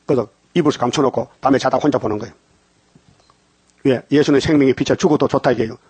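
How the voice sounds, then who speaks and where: A man's voice: mid-range voice, fast talker, darkish tone, breathy edge, dry recording. An older man preaching a dawn sermon, firing questions at the congregation and answering them himself. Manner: call-and-response questions to the congregation.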